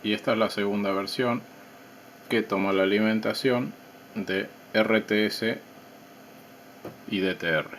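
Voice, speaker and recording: A man walks through his electronics project in a calm, measured, explanatory tone and pauses between ideas. His voice sits a little low. A faint hiss runs behind him. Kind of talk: technical demo narration.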